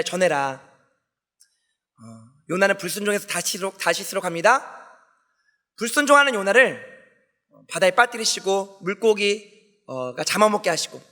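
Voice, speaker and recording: A man preaching a sermon as pastor, telling a story with lively acted-out dialogue. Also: high-pitched. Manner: animated storytelling, acting out quoted dialogue. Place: church sanctuary. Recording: long hall reverb.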